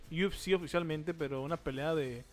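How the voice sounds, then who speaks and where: A man's voice: on the high side, moderate pace, faint music behind. A man with a Mexican Spanish accent and Chicano-style slang, chatting casually and teasingly as a podcast co-host. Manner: teasing, wordplay-prone banter. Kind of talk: casual, slangy joking chat.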